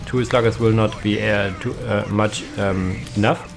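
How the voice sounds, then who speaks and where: A man's voice: on the low side, fairly even intonation, moderate pace, gravelly, music in the background. A young man giving casual, hesitant commentary on a strategy game match, with many fillers and restarts. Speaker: caster.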